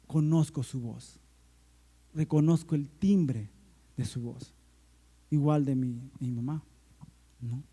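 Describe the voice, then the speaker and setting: A middle-aged man preaching a sermon to his church, swelling into emphatic lines and slowing to stretch out key words. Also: mid-range voice, mellow, slightly rough. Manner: preaching with surging emphasis and slowed, stretched phrases. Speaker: pastor. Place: church service.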